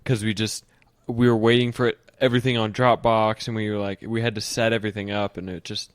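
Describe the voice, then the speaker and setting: A man's voice: on the low side, level tone, fast talker, clean tone, dry recording, studio quality. A young man co-hosting a podcast, chatting loosely and swearing casually. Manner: loose, swearing, laid-back banter. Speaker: podcast co-host. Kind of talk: casual chat.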